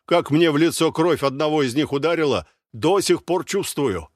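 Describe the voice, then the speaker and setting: A man puts on a high-pitched, crude, boastful soldier in an audiobook, lazy drawl, loud and pushy. The reader pushes his voice well up for this rough soldier, and the sound is dry and close. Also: animated, normal speed, dry recording, natural voice. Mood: insistent. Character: boastful rough male soldier behind a wall.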